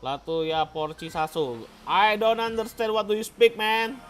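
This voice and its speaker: A young Indonesian man with a Palembang accent streams a game live, chatting casually and mixing slang with English as he playfully reads and answers viewer messages. His voice is high, a little bright, fairly even in intonation and at a normal pace. Music plays beneath him.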